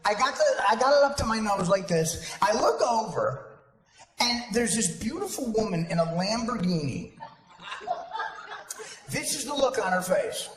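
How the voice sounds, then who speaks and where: A male comedian spins a profane, self-mocking tale for a live crowd. His voice sits high and leaps all over the place. The sound rings with long hall reverb over a steady bed of noise. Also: normal speed. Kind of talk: stand-up storytelling to a live audience. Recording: echoey hall with background noise.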